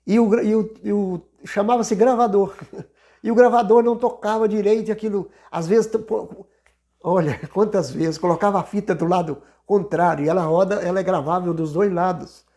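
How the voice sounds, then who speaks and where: A man's voice: sits high, fairly even intonation, normal speed. A middle-aged man teaching a Bible lesson in a conversational way, with frequent restarts and hesitations. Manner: conversational, many restarts, mimics shouting worshippers. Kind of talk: Sunday school lesson.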